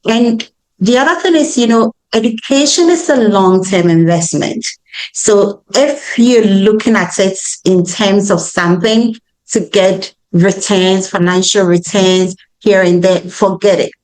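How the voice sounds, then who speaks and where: A woman's voice: medium pitch, a little slow, a little mellow, rough recording. A woman with a West African, Ghanaian accent, answering interview questions earnestly and emphatically, often checking in with "right?". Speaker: school founder, interview guest.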